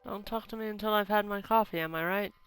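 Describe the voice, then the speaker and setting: Bright-voiced woman gaming streamer. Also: medium pitch, fast talker, smooth, low-quality recording. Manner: playful, reactive. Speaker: video game streamer. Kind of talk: casual playthrough commentary. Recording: game music behind the voice.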